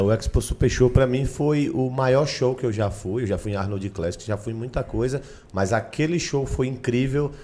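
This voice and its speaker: Man, medium pitch, enthusiastic casual podcast chat. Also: warm tone.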